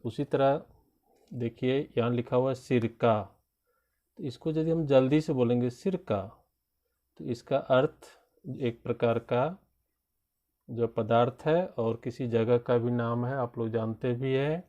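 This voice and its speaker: A man teaching a grammar lesson to children, explaining slowly and drawing out his example words. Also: mid-range voice, mellow, highs cut off. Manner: slow, deliberate explanation with drawn-out example words. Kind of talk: classroom lesson addressed to children.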